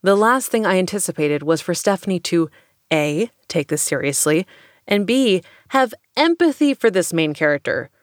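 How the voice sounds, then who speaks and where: A woman's voice: fairly low pitch, no room sound, clean studio sound. A woman in her thirties hosting a podcast, mixing scripted narration with casual talk. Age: 30s. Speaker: podcast host.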